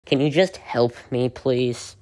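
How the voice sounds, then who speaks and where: A man's voice: medium pitch, takes it slowly, dark tone, natural voice. An actor playing a frustrated man who calls his cable company about an outage in a short film. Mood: exasperated. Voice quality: exasperated. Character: frustrated male cable customer. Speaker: caller. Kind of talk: short film comedy acting.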